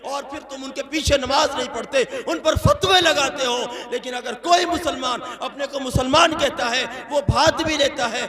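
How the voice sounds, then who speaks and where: A man with a North Indian Urdu-Hindustani accent preaching an impassioned sermon at a public gathering, asking mocking rhetorical questions and swinging from quiet to shouting. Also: extremely high pitch, moderate pace, hardly any pauses, a crowd in the background. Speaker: Islamic preacher. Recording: echoey hall with long reverb.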